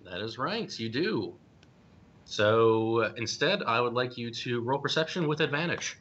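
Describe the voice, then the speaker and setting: A man narrating as game master, pausing often with ums and uhs as he describes scenes. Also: animated, a bit bright, husky. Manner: hesitant, many ums and uhs. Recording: dull lo-fi stream audio with faint rumble.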